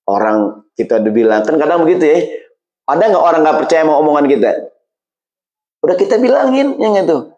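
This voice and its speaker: A man preaching a casual sermon in a mosque. He talks in lively slang and jumps high in pitch when he quotes other people. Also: brisk, long pauses, muffled recording.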